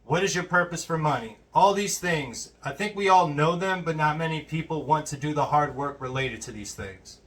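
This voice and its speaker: Bright-voiced man, a bit far from mic. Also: a little high, normal speed, few pauses. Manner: blunt, laid-back, wraps up the show. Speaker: podcast co-host. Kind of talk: casual podcast reaction chat.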